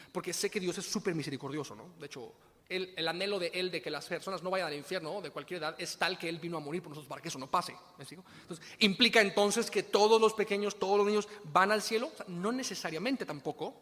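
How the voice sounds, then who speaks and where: A man's voice: high-pitched, fairly bright tone, in a large hall. A man with a Mexican Spanish accent preaching a sermon in a conversational way, often asking rhetorical questions.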